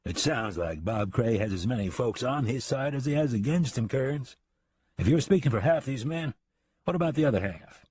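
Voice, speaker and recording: A man voicing a calm, firm ranger facing down a mob, in an audiobook reading. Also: mid-range voice, moderate pace, husky. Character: calm, steady lawman ranger.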